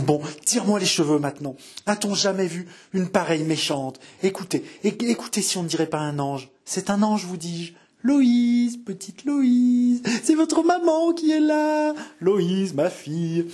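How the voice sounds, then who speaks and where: A man voicing a frantic, grief-stricken young mother in a high, breathless, babbling voice. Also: lively intonation, measured pace, a little mellow, husky, full character voice. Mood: doting, sobbing.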